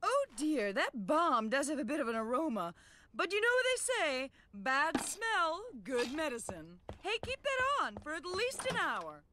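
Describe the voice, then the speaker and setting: A woman's voice: sits high, very animated, a little slow, pushed and bright, a little hiss or hum, full character voice. A woman voicing a doting but bossy suburban mom and wife in a cartoon. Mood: motherly concern. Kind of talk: animated cartoon voice acting. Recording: music behind the voice.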